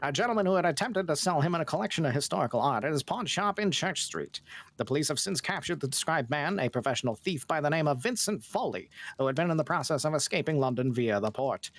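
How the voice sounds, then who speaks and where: Streamer doing a slow formal old-timey news voice, announcer style. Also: mid-range voice. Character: old-timey newsreader reading a theft report.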